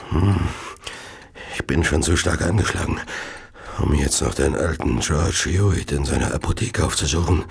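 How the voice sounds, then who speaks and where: A man playing a gloating, well-to-do Victorian serial killer in a radio play, speaking in a slow, savouring, theatrical way with a gravelly, husky voice. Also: very deep voice, heavily acted. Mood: irritated, imperious. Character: gloating, arsenic-addicted Victorian serial killer, wealthy gentleman. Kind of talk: German radio play monologue and narration.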